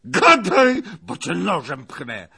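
A man voicing a hotheaded old nobleman with a hoarse voice, shouting in an audiobook. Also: on the low side, big pitch swings, normal speed, pitched above the performer's own voice, heavily acted. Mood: furious.

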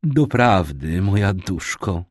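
A man's voice: low-pitched, very animated, slow, no room sound, clean studio sound, heavily acted. A man voicing a haughty aristocratic older woman in an audiobook, dismissive and scolding.

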